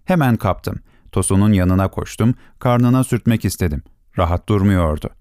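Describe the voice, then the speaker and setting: A man narrating a story for an audiobook in a measured, expressive storytelling manner. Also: on the low side, dry recording, studio quality. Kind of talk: scripted narration.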